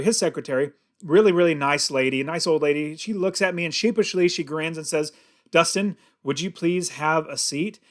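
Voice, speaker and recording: A middle-aged man with a fairly high voice tells a personal story straight to his listeners. He talks earnestly and vividly, leaning hard on key words. He speaks as the host of his own show. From California.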